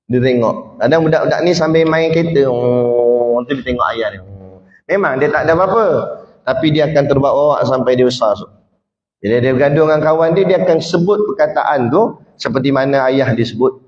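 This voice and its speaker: A man with a Malay accent giving a religious lecture in an animated way, acting out quoted speech and often tagging his points with "ha" and "kan". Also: mid-range voice, normal speed. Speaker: preacher. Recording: echoey hall, dull lo-fi sound.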